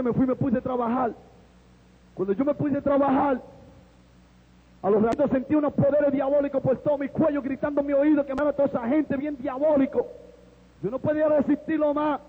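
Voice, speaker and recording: Man, testimony preacher, very high voice, tinny phone-line sound. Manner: animated storytelling, acts out the voices. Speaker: preacher giving his testimony. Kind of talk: fervent testimony sermon. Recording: echoey hall, phone-like lo-fi sound.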